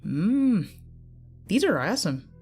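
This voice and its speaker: A woman's voice: mid-range voice, very animated, slow, darkish tone, slightly rough, soft background music, pitched above the performer's own voice, exaggerated voice. Stan, a nasal scruffy guy as a woman narrator puts him on. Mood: offhand nosy. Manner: casual, nosy, offhand. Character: scruffy young adult male entity.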